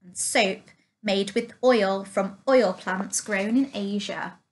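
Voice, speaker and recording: A woman reading a children's picture book aloud, slowly, clearly and carefully. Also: medium pitch, a little hiss or hum. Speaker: storyteller.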